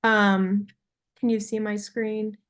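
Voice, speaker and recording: Informal young woman pitching on a video call. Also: flat delivery, takes it slowly. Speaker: salesperson pitching to a buyer. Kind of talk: practice sales call presentation on a video call. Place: video call with screen sharing.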